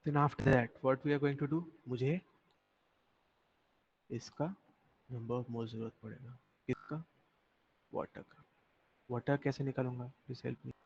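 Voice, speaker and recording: Young male tutor, online lesson, slow gravelly delivery, lo-fi call audio. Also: medium pitch, steady tone. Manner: slow, repetitive explaining, mixing Hindi and English, asking students questions. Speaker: chemistry teacher. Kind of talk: online class lecture. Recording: dull lo-fi audio with faint noise.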